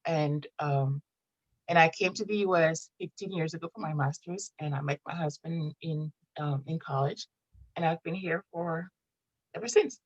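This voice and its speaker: A woman's voice: deep voice, moderate pace, no room sound, dull audio. A woman from Morocco, in her thirties, chatting casually as an interview guest, laughing often and restarting her sentences. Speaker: guest, content marketing strategist.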